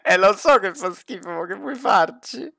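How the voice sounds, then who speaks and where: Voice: mid-range voice, expressive, moderate pace, vocal fry, fairly bright tone, dry recording, studio quality. A streamer giving casual, jokey commentary while playing a horror game with a friend, laughing often. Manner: chatty, laughs often, jokey banter with a teammate.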